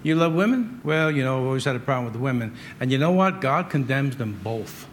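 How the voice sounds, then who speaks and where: Slight background noise accompanies this American preacher, whose mid-range, expressive voice moves a little fast. He delivers an emphatic, partly conversational sermon from the United States, mixing scripture readings with repetition and rhetorical questions.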